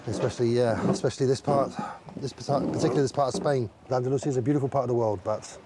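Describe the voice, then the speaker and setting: A male officer talking informally in an unscripted interview, halting and repeating phrases as he goes. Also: mid-range voice, fairly even intonation, very noisy.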